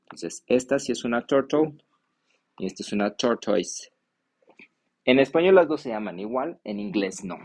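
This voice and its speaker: Guy teaching english, reads words out slow one by one. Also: mid-range voice, expressive. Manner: mixes Spanish and English, slow deliberate vocabulary drills. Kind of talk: online class lecture.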